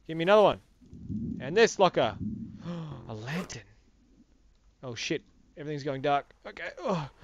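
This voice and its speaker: A young man giving excitable, swear-filled commentary on his own gameplay, talking to himself as he plays. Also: mid-range voice, slight background noise. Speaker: gaming channel host.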